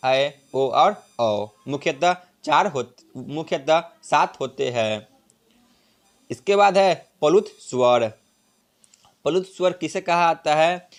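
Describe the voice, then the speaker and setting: A man teaching a grammar lesson, repeating each point and drawing out vowel sounds as examples. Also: on the high side. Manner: repeats points, tag "ठीक है ना" often.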